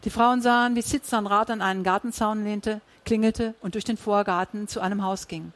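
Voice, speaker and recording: A reader narrating a crime story in an audiobook, with steady storytelling. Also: male voice, sits high, normal speed, dry recording. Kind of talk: scripted narration.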